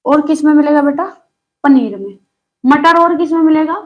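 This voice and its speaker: A woman's voice: high voice, normal speed, highs cut off. A young woman teaching an online exam-prep lesson in a chatty way, teasing her students with jokes.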